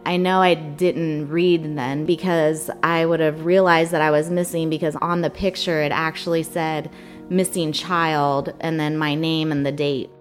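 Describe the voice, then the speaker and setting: Low-voiced American woman recalling casually. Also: little pitch movement, a little slow, faint music behind. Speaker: interviewee. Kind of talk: casual personal recollection.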